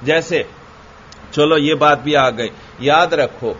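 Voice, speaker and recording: A male religious teacher from Pakistan drilling grammar with his class, quizzing students with repeated questions and chanting word forms slowly. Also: fairly high pitch, fairly bright tone, lo-fi sound, a little hiss or hum.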